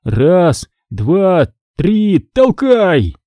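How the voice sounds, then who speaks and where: A man voicing a cautious, steady teenage boy in a horror audiobook. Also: high-pitched, extremely slow, no echo, pitched above the performer's own voice, heavily acted. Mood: tense.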